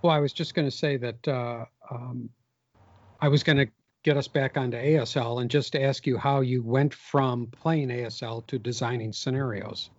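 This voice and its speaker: A man with a medium-pitched voice hosts a casual interview. He asks his questions informally, and the sound is very dry and a little dull. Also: steady tone, moderate pace, darkish tone, no echo. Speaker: podcast host, interviewer.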